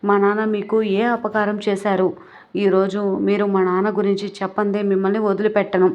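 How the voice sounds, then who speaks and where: A woman's voice: medium pitch, level tone, brisk, muffled recording, close to an everyday voice. A woman voicing a defiant young woman who threatens and taunts her rival. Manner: taunting, confrontational.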